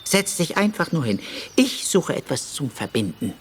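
Timid little storybook creature, higher and halting, put on by a husky male reader. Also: very animated. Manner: shy, hesitant, apologetic.

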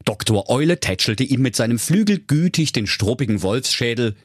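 A man reading a comic fairy-tale story with deadpan, playful emphasis. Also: medium pitch, normal speed, dry recording, studio quality.

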